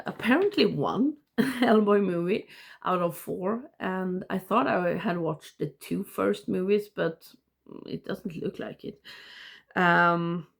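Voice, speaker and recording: A woman with a blocked nose giving a casual video review, rambling and haltingly, often interrupting herself. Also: on the low side, gravelly. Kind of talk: casual ranking review to camera.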